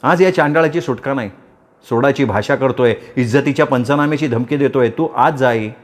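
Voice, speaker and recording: A man voicing a tough, loyal village henchman who speaks roughly and scolds. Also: mid-range voice, fairly quick, close to an everyday voice. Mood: angry.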